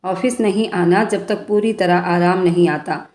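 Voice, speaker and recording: A woman's voice: on the low side, fairly even intonation, a little slow, darkish tone, lightly acted. A woman voicing a stern, curt young male boss in a bedtime story. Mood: calm. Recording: echoey room.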